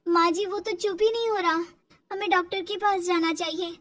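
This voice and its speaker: Woman doing a high, upset young mother. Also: fairly even intonation, moderate pace, fairly bright tone. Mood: worried. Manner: high-pitched, pleading, upset. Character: young mother, anxious and defiant daughter-in-law.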